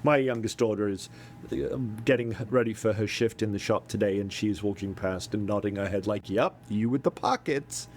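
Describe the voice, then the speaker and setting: Low-voiced middle-aged man, halting chat. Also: level tone, darkish tone, slight background noise. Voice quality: halting, lots of ums and repeats. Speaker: podcast co-host. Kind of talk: casual chat.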